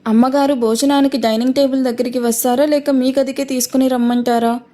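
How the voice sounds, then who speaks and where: A woman's voice: sits high, fairly even intonation, a little fast, warm tone, natural voice. A woman voicing a polite, affectionate household maid in an audio story. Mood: kindly.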